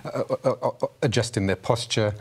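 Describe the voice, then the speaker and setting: A man's voice: medium pitch, a little fast, darkish tone, breathy edge. A man, a spinal consultant talking as a guest in a TV studio, often repeating words as he restarts. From Wales. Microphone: lapel.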